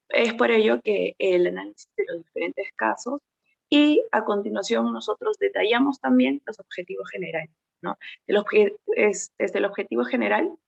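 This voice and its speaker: A woman's voice: medium pitch, gravelly, breathy edge. A 29-year-old woman presenting a class project, often adding "¿no?" and "este" as she explains. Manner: explains with tag questions "¿no?" and "este" fillers. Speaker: student presenter. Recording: dull, dry lo-fi audio.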